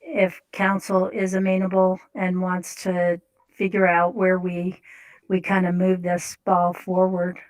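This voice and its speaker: A woman's voice: fairly low pitch, monotone, measured pace, low-quality recording. A woman chairing a city council meeting, businesslike and polite, with frequent ums and restarts.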